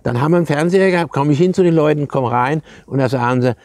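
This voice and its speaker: An older former TV repairman spins casual workshop anecdotes in a dark, mellow voice. He rambles chattily and calls his viewers comrades. The lapel-mic sound is close and dry. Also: fairly high pitch, racing, dry recording. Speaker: retired radio and TV technician. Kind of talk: casual anecdotal storytelling to camera.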